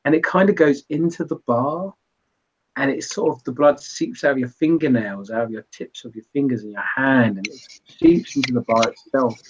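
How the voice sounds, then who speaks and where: A man runs a tabletop game, narrating scenes in an unhurried, descriptive way. His voice is husky and mid-pitched, and the recording sounds dull and lo-fi. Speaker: game master.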